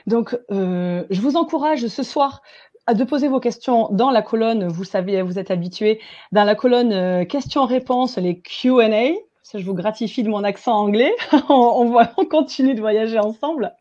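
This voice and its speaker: A woman's voice: a little high, normal speed, dark tone, muffled recording. A woman hosting an online webinar, upbeat and a little hesitant, with many fillers. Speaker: webinar host.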